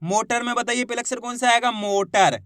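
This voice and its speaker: A man teaching Hindi reading in a slow step-by-step lesson, patiently repeating each word and sounding out syllables. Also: extremely high pitch, fairly bright tone, no room sound, clean studio sound.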